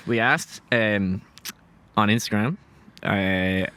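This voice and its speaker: A man co-hosting a casual podcast, jokey and quick to laugh, swearing freely. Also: fairly low pitch, sharp tone, slight background noise. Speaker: podcast co-host. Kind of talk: casual chat.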